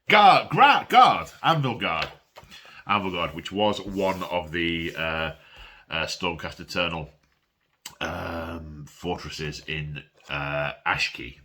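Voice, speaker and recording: Deep-voiced man with a cold, rambling. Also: level tone, slow, bright, forceful tone. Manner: rambling and self-deprecating, with frequent restarts. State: has a cold, coughing. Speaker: miniature wargaming hobby channel host. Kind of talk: casual unboxing and rules review vlog. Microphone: phone camera.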